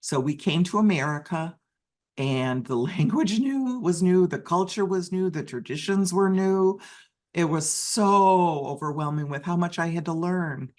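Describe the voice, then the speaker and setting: Medium in pitch with a darkish tone, an interpreter voices a deaf speaker's personal story in the first person. Phrases falter, restart and get corrected along the way.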